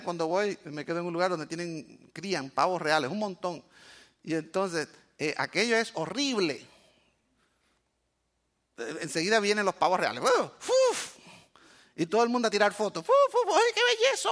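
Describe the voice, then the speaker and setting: A man from Cuba, preaching a sermon as an animated storyteller who acts out voices and keeps checking in with the congregation. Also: high voice. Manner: animated storyteller, acts out quotes, asks "eh?" often. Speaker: pastor.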